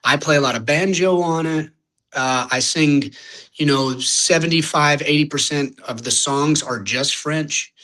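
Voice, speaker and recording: This young singer-songwriter from Louisiana, United States, chats casually as a podcast guest in his Louisiana accent. His voice sits on the high side, unhurried, bright and forceful, and he wanders a little while hunting for the right words.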